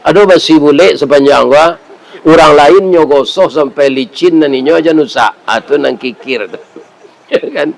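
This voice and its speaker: A man's voice: a little high, normal speed, vocal fry, poor audio. A middle-aged man with a Minangkabau accent preaching a sermon, telling stories with humor and asking his listeners "ya kan?". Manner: storytelling with humor and rhetorical "ya kan?".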